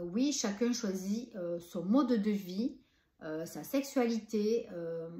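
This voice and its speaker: A woman's voice: medium pitch, dark tone, echoey room. A woman from southern France with a southern French accent, chatting enthusiastically about books she has read, with many hesitations. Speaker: book vlogger. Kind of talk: casual book review.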